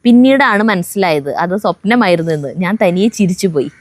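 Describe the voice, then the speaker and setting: Outdoors at home on a windy day, a woman co-hosting a family vlog reads viewer comments aloud in a steady voice, now and then breaking off to chat and joke. Her pitch is fairly low, she speaks a little fast, and there is no room sound.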